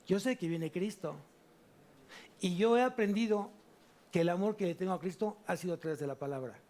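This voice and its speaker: Man, preacher, high voice, lively rhetorical questions, church sermon. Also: fairly quick. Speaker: pastor.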